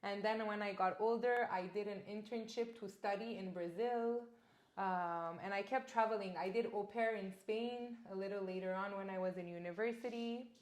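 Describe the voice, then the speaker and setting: A woman's voice: mid-range voice, steady tone, moderate pace. Young woman from canada, chatting as a guest, earnest, kinda echoey room. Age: young adult. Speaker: interview guest. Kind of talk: casual interview conversation. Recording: roomy echo.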